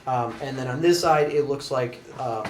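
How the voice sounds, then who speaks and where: A man running a tabletop game as game master, describing things off the cuff and thinking aloud haltingly. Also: medium pitch, recorded from a distance, a little hiss or hum. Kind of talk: unscripted tabletop game narration. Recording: echoey room, off mic, music behind.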